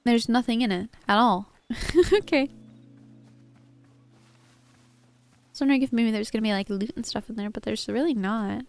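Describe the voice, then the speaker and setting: Lady streamer, kinda high voice, talks all proper in a put-on accent, says hi to raiders. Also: fairly quick, gravelly. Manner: stiff formal put-on character accent; greets raiders and chat warmly. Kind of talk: live gaming stream chat.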